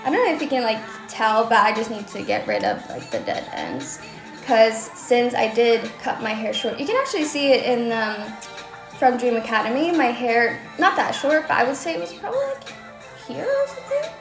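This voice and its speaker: Her voice on the high side and sing-song, a young woman from Sweden speaks at normal speed with a light accent while livestreaming from her room. Bubbly and chatty, she responds to comments, filling her speech with "like." The audio has a roomy echo and faint music.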